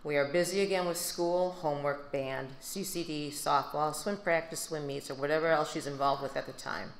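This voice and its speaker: An older woman with a Midwestern American accent, giving a steady, subdued prepared speech at a podium into a handheld mic. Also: low-pitched, moderate pace. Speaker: grieving mother giving a speech. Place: large banquet hall. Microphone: handheld microphone. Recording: echoey banquet hall.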